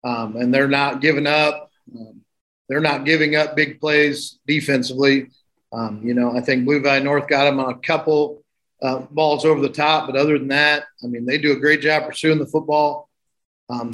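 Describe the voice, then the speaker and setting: Male coach in a casual interview, medium pitch, thinking aloud as he goes. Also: steady tone, normal speed, a bit bright, poor audio. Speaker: football coach.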